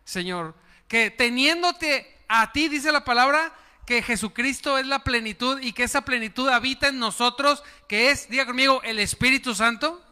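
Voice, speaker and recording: A man's voice: very high voice, steady tone, normal speed, bright, forceful tone, clean tone, big-room sound. A man preaching a sermon as pastor, calling on the congregation to repeat words and applaud. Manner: preaching with call-and-response to the congregation.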